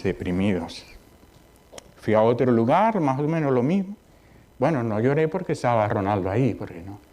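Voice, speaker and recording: A man preaching to his church congregation at a medium pitch, talking like he is chatting with friends. He climbs high and loud when he exhorts, then drops low and quiet when he tells a personal story, and keeps checking in with his listeners. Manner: conversational preaching with personal anecdotes, often asking "¿entiendes?". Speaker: pastor. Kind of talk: sermon. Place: church sanctuary.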